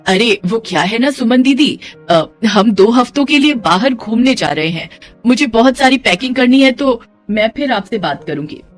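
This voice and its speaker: A woman's voice: a little high, animated, moderate pace, faint music behind, natural voice. A woman voicing a fussy, traditional middle-aged mother-in-law who scolds and laments dramatically. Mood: fretting.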